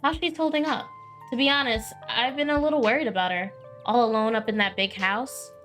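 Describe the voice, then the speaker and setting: A woman's voice: on the high side, fairly quick, fairly bright tone, faint music behind, lightly acted. A woman voicing a friendly, chatty small-town young woman with a folksy, theatrical manner.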